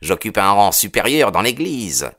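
A man's voice: fairly low pitch, big pitch swings, moderate pace, a bit bright, voice pushed up, full character voice. A man reading an audiobook, voicing an arrogant young man with a raised, insistent voice. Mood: boastful. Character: young man, arrogant elder's son, smug.

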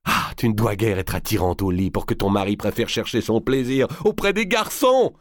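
A man reading aloud and voicing a defiant young noblewoman who shouts high, biting insults with scorn. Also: animated, moderate pace, no room sound, studio quality, close to an everyday voice. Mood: scornful.

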